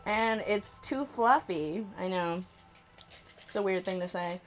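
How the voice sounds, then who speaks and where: A woman with a mid-range voice chats a little slowly as a makeup vlogger, reacting and giving tutorial tips with blunt, sassy self-mockery. Music runs in the background throughout.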